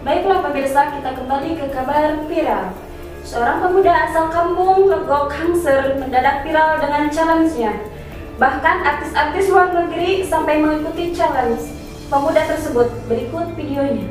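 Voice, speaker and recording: High-voiced woman parody news anchor, very echoey. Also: moderate pace. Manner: formal newsreader delivery of silly items. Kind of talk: news anchor parody, mock-serious scripted bulletin. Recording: very echoey, distant, loud music behind. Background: music.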